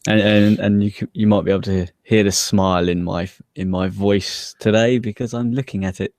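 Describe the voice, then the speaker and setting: A man's voice: lowish voice, fairly even intonation, brisk, a little mellow, no room sound, clean studio sound. A man co-hosting a casual gaming podcast, laid-back with short replies. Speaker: podcast co-host.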